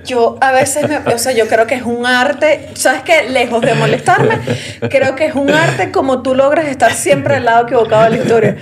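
High-voiced woman teasing, crowd noise behind. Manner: quick interjections and playful teasing. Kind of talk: casual chat.

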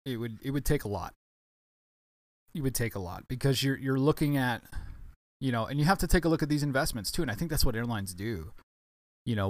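A man's voice: medium pitch, no room sound. A man hosting a casual solo podcast, talking in a rambling way with many restarts and self-corrections, sounding a bit tired. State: tired, yawning. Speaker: podcast host, former baggage handler.

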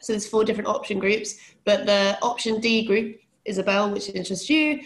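A woman's voice: medium pitch, fairly even intonation, fairly quick. A woman hosting a casual podcast interview, speaking in an encouraging, chatty manner. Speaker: podcast host.

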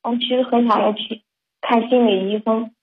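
A young woman calling in to a talk show, talking in an anxious, halting way with many restarts. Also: fairly high pitch, fairly even intonation, narrow, tinny audio. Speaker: caller. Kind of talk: call-in confession.

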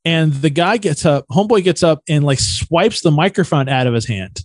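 A man, a stand-up comedian guest, telling anecdotes in a casual, slangy, animated way. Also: a little high, moderate pace, no room sound. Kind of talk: casual storytelling.

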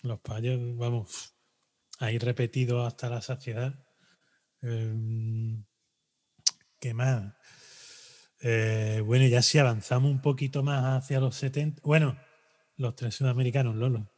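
A man's voice: mid-range voice, a little slow, pauses often. A man co-hosting a podcast, chatting casually and joking, with plenty of fillers and restarts. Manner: animated, joking, trails off into fillers. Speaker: podcast co-host. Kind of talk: casual chat.

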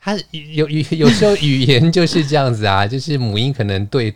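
A man's voice: medium pitch, a little fast, dry recording, studio quality. A man hosting a casual podcast, playful and chatty, explaining words at length with frequent laughs. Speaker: podcast host. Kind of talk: casual chat.

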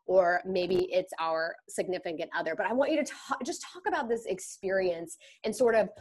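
A woman's voice: fairly low pitch, moderate pace, a little mellow, slightly rough. A woman hosting a podcast interview, chatting with bursts of enthusiasm. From grew up in the rodeo world. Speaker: podcast host. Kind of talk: casual interview chat.

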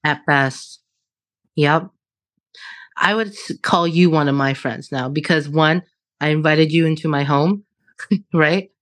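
A woman's voice: deep voice, slow pace, long pauses, no room sound. Frank, swearing woman nearing forty. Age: 30s. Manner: swears freely, laughs often, talks in restarts. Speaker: podcast guest. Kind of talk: casual chat.

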